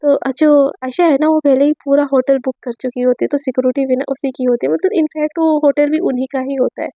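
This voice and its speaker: A woman's voice: high-pitched, fairly even intonation, quick pace, dark tone, no room sound, lo-fi sound. A woman with a sore throat telling a story in a chatty, casual way. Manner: chatty, filler-heavy retelling.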